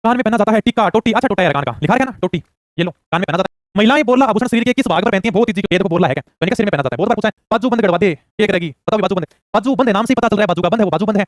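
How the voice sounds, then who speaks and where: Rapid-fire man, high voice, quizzing students. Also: expressive, dry recording, clean studio sound. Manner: rapid-fire, urging answers fast. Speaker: exam coaching teacher. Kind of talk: rapid quiz-style lesson.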